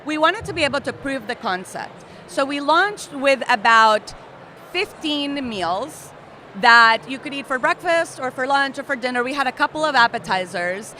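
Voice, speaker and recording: A woman from Costa Rica in her thirties speaks as an interview guest, her voice bright and fairly high. She explains things in a friendly, clear way, with faint traffic noise around her. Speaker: company co-founder, guest. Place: outdoor festival booth.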